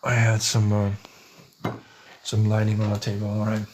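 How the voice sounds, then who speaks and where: Fairly low and monotone, the voice moves at a moderate pace against slight background noise. He's a Dutch native from the Netherlands who hosts podcasts and streams, casually replying to chat comments while thinking out loud and asking "right?" or "yeah."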